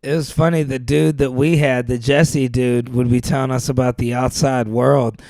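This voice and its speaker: Gravelly man rambling through stories. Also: mid-range voice, level tone, normal speed, a little mellow, no echo, studio quality. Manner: loose, rambling storytelling with lots of "dude". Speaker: podcast guest. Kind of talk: casual chat.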